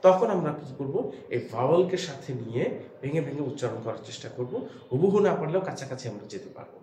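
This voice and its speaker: A man's voice: mid-range voice, very animated, brisk, mellow. A man teaching an English lesson in Bengali with a Bengali accent, explaining step by step and mixing in English phrases. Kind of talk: classroom lesson. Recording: echoey room, faint background hum.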